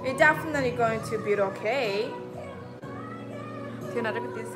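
In an indoor showroom full of beauty machines, a young woman with a Chinese accent hosts a live stream selling them. Speaking over music at a fairly high pitch and moderate pace, she reads viewer comments, chats with viewers and repeats her words.

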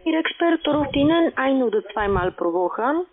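On a tinny, narrow telephone line, a call centre agent pitches a sale in a high, very animated voice at a moderate pace. Her grammar is that of a non-native speaker.

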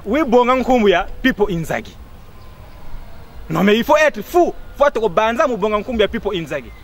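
A man's voice: high-pitched, big pitch swings, moderate pace, slight background noise. A man, lecturing proudly in street banter outdoors in a city street. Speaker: sapeur.

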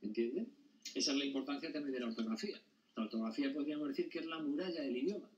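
A man's voice: mid-range voice, rapid-fire, a little hiss or hum. Teacher guy lecturing a class, keeps going "entienden? vale?", sounds far off and kinda muffled. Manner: explanatory, often checks understanding with questions. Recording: dull sound, mic at a distance.

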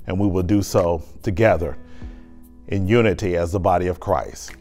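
Wearing a lapel mic in a church sanctuary, a pastor leads a sermon and communion liturgy in a low, slightly mellow voice. He moves between fervent, emphatic preaching and solemn prayer.

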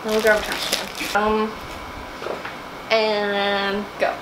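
A woman's voice: medium pitch, monotone, slow. Casual young woman hosting, echoey recording. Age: young adult. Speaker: host. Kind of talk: casual vlog chat. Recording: echoey, noisy home recording.

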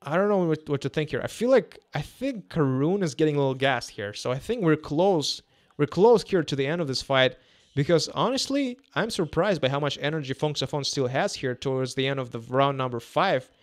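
A man's voice: fairly high pitch, animated, brisk. Young man with a Russian accent, commentating. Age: 20s. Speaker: boxing commentator. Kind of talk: casual live fight commentary. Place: small indoor room. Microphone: close podcast microphone on a boom arm.

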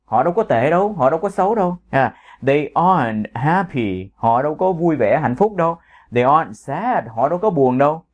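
A man teaching an English grammar lesson, explaining in a chatty way and repeating English example sentences slowly and deliberately, with a Vietnamese accent. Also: fairly high pitch, lively intonation, muffled recording. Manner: chatty, with tag words like "ha" and "các bạn".

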